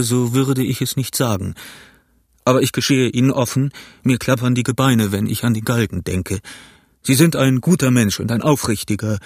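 A man's voice: mid-range voice, dry recording, studio quality, lightly acted. A man reading the part of a scheming male sea cook in an audiobook, with a wheedling, self-justifying manner.

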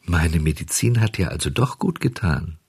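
A man voicing a patient, motherly fairy woman in a storybook reading, gentle and coaxing, sometimes admonishing. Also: low-pitched, lively intonation, moderate pace, creaky, slightly rough, no room sound, clean studio sound, full character voice.

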